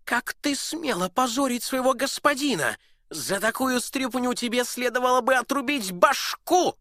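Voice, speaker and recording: A storyteller voicing a hot-tempered, pompous duke who shouts and threatens his cook in a storybook reading. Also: mid-range voice, expressive, normal speed, dry recording, clean studio sound, voice pushed up. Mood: furious. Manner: blustering, shouting.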